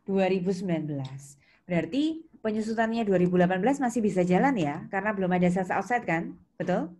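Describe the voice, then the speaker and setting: This accounting teacher has a warm, expressive mid-range voice and talks fast. Her interactive lecture breaks down worksheet entries one step at a time, with questions to check understanding, over a clearly audible backdrop of keys and clicks.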